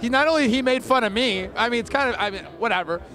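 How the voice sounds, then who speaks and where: A man's voice: very high voice, fast talker, sharp tone. A man chatting casually and enthusiastically in an interview as a wrestling ring announcer. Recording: outdoor urban crowd and traffic noise.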